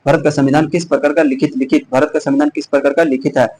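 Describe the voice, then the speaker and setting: A male teacher with a hoarse throat running a quiz-style exam revision lesson, repeating each question and answer with frequent restarts. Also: a little high, level tone, quick pace, a little mellow, rough recording.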